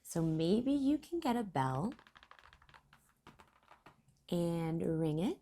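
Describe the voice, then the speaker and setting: A woman hosts a read-aloud of a children's storybook, speaking in deliberate phrases as she explains things to young listeners. Her voice sits on the low side, very animated and warm in tone, with a little hiss or hum in the background.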